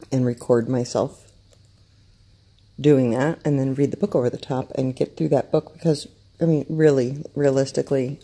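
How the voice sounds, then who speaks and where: A woman's voice: very deep voice, gravelly, warm tone, breathy edge. A woman vlogging casually at home, rambling and restarting her sentences while chewing food and showing her craft work. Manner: rambling, self-interrupting, chatty. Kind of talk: casual chat to camera. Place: home, downstairs room.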